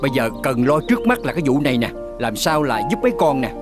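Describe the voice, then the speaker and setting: A middle-aged actor with a Southern Vietnamese accent, playing a gruff but kindly uncle in a TV drama, talking bluntly. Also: male voice, medium pitch, very animated, fast talker, natural voice. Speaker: uncle taking in orphaned nephews. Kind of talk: TV drama acting. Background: soft background music.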